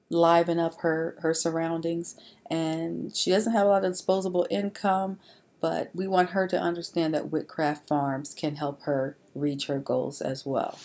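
Female presenter, low register, loose unscripted voice-over for a slide deck. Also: darkish tone. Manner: informal, with frequent fillers and restarts.

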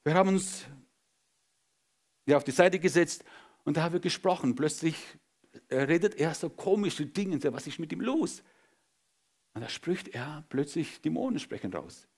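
A male pastor preaching a sermon dramatically, swinging between loud emphasis and hushed whispers. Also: fairly high pitch, animated, moderate pace, long pauses, husky.

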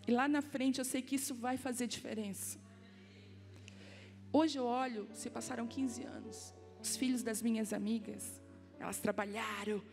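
A woman, preaching a sermon as personal stories full of asides to the audience. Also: on the high side. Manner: storytelling, animated and personal, laughing asides to the audience. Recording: long hall reverb with soft music.

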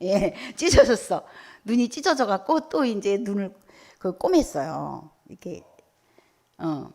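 A woman's voice: mid-range voice, lively intonation, a little slow, darkish tone. A woman preaching a sermon at a church service, firing questions at the congregation and breaking out with hallelujahs. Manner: asks the congregation questions and waits for replies; bursts out with hallelujah.

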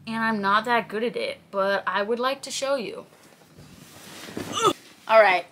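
The background is noisy as this young woman, a fitness creator in her 20s, answers viewer questions to camera while seated in a small, plain indoor room. She acts out her stories in a somewhat high voice at a measured pace.

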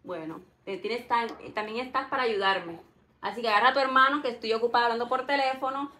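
A woman's voice: a little high, fast, pushed and bright. A woman playing a careless nanny who complains and brushes off the children in an amateur skit. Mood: dismissive. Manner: dismissive, complaining. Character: lazy, careless nanny on the phone.

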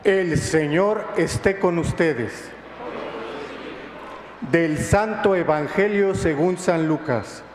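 A man's voice: on the high side, a little hiss or hum. Man reading Gospel in cathedral echo. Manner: measured, formal reading cadence. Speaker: priest reading the Gospel at Mass. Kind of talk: solemn liturgical proclamation. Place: large church during Mass. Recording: echoey church with long reverb, faint ambience.

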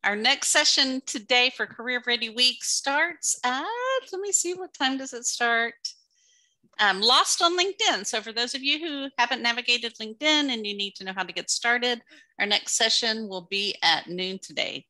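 Middle-aged woman, event host on a video call, sharp bright delivery. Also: a little high, moderate pace. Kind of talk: presenting an online event. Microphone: headset on a video call.

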